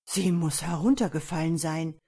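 A fussy old king in a fairy-tale reading, muttering in a low, husky voice, as a woman puts him on. He sounds put out and half to himself. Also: moderate pace, warm tone. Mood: fretful. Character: fussy old king who lost his crown.

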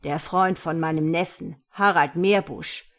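A woman's voice: low voice, measured pace, a bit bright. A woman reading an audiobook voices a spry, nervous old lady who meddles in a plot. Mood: scheming. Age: older.

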